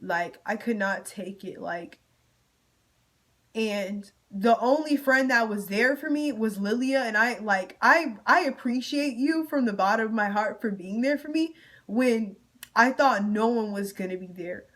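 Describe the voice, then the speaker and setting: A woman's voice: on the high side, lively intonation, unhurried, fairly bright tone. Emotional young woman telling a story. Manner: emotional, venting, talks straight to viewers with slang. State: near tears at times. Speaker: vlogger. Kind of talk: storytime vlog, emotional retelling.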